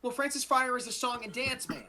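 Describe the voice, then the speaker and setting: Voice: high voice, fairly even intonation, crowd noise, close to an everyday voice. An actor doing a breathless eager drama director. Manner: rushed, breathless enthusiasm. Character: eager theater-obsessed school drama director.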